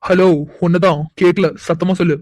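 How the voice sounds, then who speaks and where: A man's voice: high voice, flat delivery, normal speed, darkish tone, no echo, lightly acted. A man voicing a smug teasing cartoon guy. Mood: taunting. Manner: teasing, mocking. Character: mocking young man, taunting guest. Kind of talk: cartoon voice acting.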